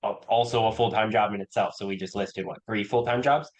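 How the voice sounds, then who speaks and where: A man's voice: on the low side, lively intonation, normal speed, poor audio. Podcast host, man: easygoing, slightly hesitant interviewer in a casual chat. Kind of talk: casual interview on a video call.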